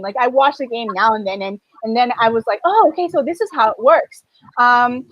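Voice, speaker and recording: A woman's voice: on the high side, dry recording, highs cut off. A woman born in China and raised in Canada, a documentary director answering interview questions thoughtfully, with frequent restarts.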